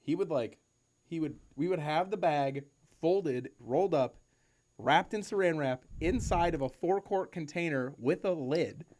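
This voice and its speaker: A man co-hosting a podcast from home, telling animated, profane stories and laughing often. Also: on the high side, unhurried, a little hiss or hum. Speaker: podcast co-host. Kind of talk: casual chat. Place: home room with cats nearby.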